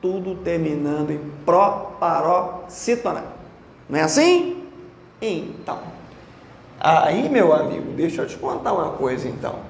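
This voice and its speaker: A man with a Brazilian Portuguese accent giving an exam-prep lesson, chatty and lively, often asking the viewer questions. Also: fairly high pitch, normal speed, creaky. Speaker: Portuguese teacher. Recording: echoey room with faint noise.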